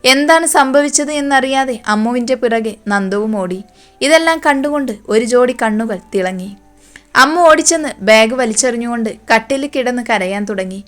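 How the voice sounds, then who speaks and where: A woman reading a romance story aloud at an even pace. Her voice sits a little high for a woman, and she keeps the quoted lines soft. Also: normal speed, soft background music.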